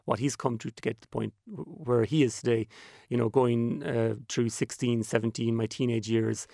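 A man's voice: medium pitch, fairly even intonation, normal speed, vocal fry, warm tone, no echo, studio quality. A man with a west of Ireland accent from Kerry, talking reflectively in a panel discussion, often repeating words as he thinks. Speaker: panel guest.

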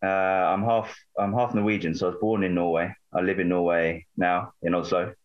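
A man's voice: low-pitched, little pitch movement, moderate pace, muffled recording. A man in his late thirties from England with a southern English accent, a book author talking over a remote line, rambling with frequent restarts and self-corrections. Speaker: author and guest. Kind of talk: remote interview chat.

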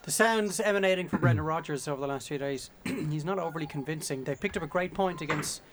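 A man's voice: a little high, quick pace. A man hosting a sports podcast from a studio in a casual, chatty style. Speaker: podcast host. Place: radio studio. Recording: studio with faint background noise.

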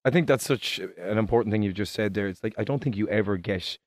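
Man, Irish accent, rapid pace, chatty radio host, dry studio-close sound, conversational interviewing. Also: on the low side, no echo.

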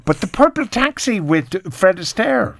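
Older man, Cork Irish accent, chatty radio host, lively pitch, dry studio recording. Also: unhurried, dry recording. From Ireland, Cork. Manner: chatty, reads out listener texts. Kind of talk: casual radio chat.

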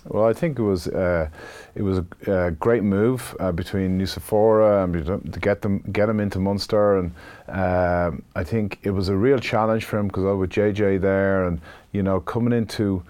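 A man with a deep voice talks casually on a sports panel. He phrases his thoughts haltingly, often restarting and repeating words. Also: steady tone, a little mellow. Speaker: rugby pundit, player.

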